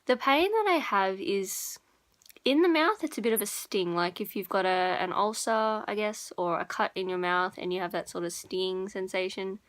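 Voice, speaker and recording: A woman's voice: medium pitch, moderate pace. Young woman chatting casually, rambling vlogger style. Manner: rambling, informal, self-correcting. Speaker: beauty and lifestyle vlogger. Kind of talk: casual chat to viewers.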